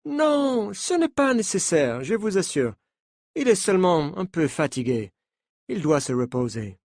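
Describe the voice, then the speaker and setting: A man's voice: high voice, sing-song, unhurried, a little mellow, no room sound, clean studio sound, voice pushed up, exaggerated voice. A man voicing a brash male American sports coach who insists he has everything under control. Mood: insistent. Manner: insistent, reassuring, talks over others.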